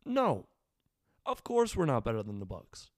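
A man's voice: medium pitch, huge pitch swings, fairly quick, a little mellow, no room sound, clean studio sound. A man with a slightly worn, weathered voice giving casual solo sports commentary, informal and thinking aloud in short bursts as a fan.

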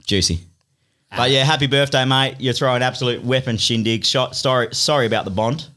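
A young Australian man hosts a casual studio podcast, nursing a hangover. His voice sits at an average male pitch. He talks in loose, slangy, laddish banter with some swearing as he interviews. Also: fairly quick, bright, forceful tone. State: hungover. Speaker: podcast host.

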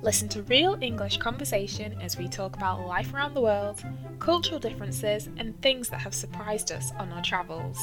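A woman reading a scripted show intro in a smooth announcing manner. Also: mid-range voice, animated, normal speed. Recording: intro over clear music.

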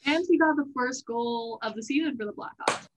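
A woman's voice: a little high, moderate pace, noisy background. A young woman in a casual hockey chat, opinionated and explaining at length.

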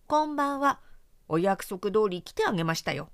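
A small, cheeky male mouse, voiced by a woman narrator, whines in a high, petulant voice. He is ungrateful and condescending, his pitch leaping about. The sound is dry and close. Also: lively intonation, fast talker, a bit bright, no room sound. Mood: whiny. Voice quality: high whiny voice.

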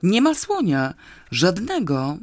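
A reader voicing a drunk man panicking over a pink elephant he thinks he is imagining, in shrill, terrified shouts. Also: huge pitch swings, slow. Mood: frantic.

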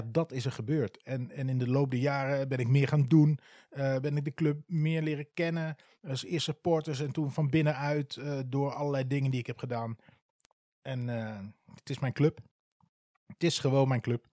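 A man in his forties from the eastern Netherlands speaks in a relaxed, conversational way. He often pauses on filler sounds while he gathers his thoughts, and his voice sits at an ordinary middle pitch. The recording is dry, with almost no room sound. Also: no echo. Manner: candid, hesitant, with many filler sounds. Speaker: football club supporter. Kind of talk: casual spoken storytelling.

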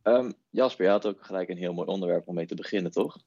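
Very deep, gravelly podcast co-host, teasing, dry and dull amateur sound. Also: male voice, fast talker, darkish tone, no echo. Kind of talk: casual chat.

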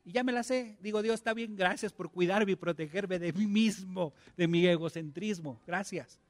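A man's voice: high voice, moderate pace. A male pastor, preaching a conversational sermon and asking his congregation many questions.

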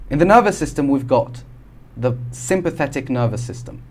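A man's voice: medium pitch, animated, normal speed, a little mellow. Man from Algeria explaining at length. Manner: explanatory, with frequent fillers and restarts. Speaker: podcast guest. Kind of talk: casual conversation.

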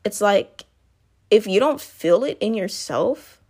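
A woman's voice: mid-range voice, expressive, takes it slowly, darkish tone, husky. A woman with a mid-range voice talks in a loose, unscripted monologue. She rambles, restarts her sentences and keeps turning to her listeners as if they were right there with her. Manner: rambling, self-correcting, often addresses listeners directly.

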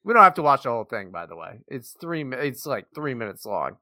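Animated, bright-voiced young man co-hosting. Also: mid-range voice, no echo, clean studio sound. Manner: animated, swearing, quick to joke. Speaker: podcast co-host. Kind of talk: casual profane chat.

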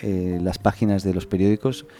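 A man hosting a podcast, soft-spoken and easygoing as he chats with his guest. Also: sits low, steady tone, moderate pace, faint music behind. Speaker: podcast host. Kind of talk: casual podcast chat.

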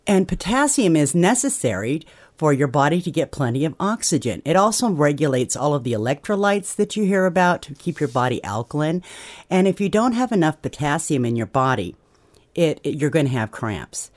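Female expert guest, deep register, lively intonation, explanatory health talk. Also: brisk. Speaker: expert radio guest, company executive.

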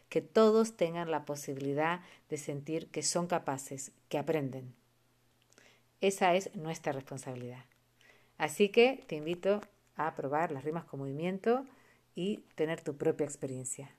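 A woman with a fairly low voice teaches on her own podcast. Her delivery is calm and explanatory, and she slows right down whenever she recites an example. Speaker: podcast host and early literacy educator. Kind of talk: educational podcast talk.

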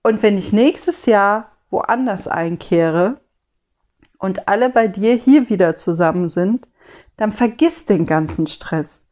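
Woman voicing a gentle, earnest Christ child. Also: mid-range voice, animated, slow pace. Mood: hopeful. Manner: soft, earnest rhymed speech. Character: gentle, wistful Christ child, small and patient.

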